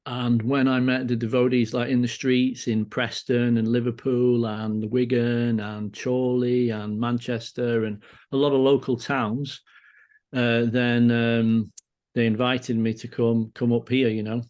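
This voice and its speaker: A man from Lancashire with a Lancashire accent, talking as a podcast guest in a halting way, full of restarts. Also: mid-range voice, flat delivery, darkish tone. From Lancashire, England. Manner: halting, many restarts and fillers. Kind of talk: casual conversation. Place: farm community temple in Scotland.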